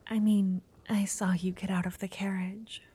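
A woman's voice: mid-range voice, level tone, moderate pace, husky. A woman voicing a shy, nervous young noblewoman in a whispered roleplay, stammering now and then. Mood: nervous whispering. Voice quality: soft whisper. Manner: hesitant, stammering.

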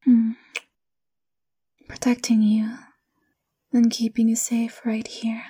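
A young woman breathes her words in a husky, slow whisper, soft and close. Her tone is intimate and coaxing, with a mellow, dark color and little rise or fall. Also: fairly high pitch, monotone. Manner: intimate, coaxing girlfriend address. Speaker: ASMR roleplay performer. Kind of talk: whispered ASMR roleplay.

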